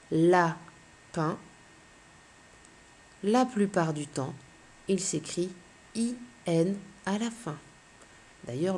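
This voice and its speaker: This phonics teacher, a woman with a medium-pitched, darkish voice, speaks slowly and clearly to young children as she patiently spells out each letter.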